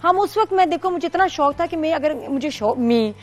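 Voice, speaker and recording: A woman with a fairly high voice and a Pakistani Urdu accent co-hosts a studio chat. She talks chattily, gives advice and slips English phrases into her speech. Faint music plays behind her. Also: animated. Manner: chatty, advising, switches into English. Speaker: co-host.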